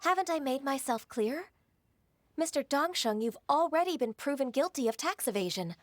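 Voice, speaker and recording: A woman voicing a gentle, dutiful young secretary in a game, soft-spoken and formal. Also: high-pitched, lively intonation, moderate pace, dry recording, studio quality.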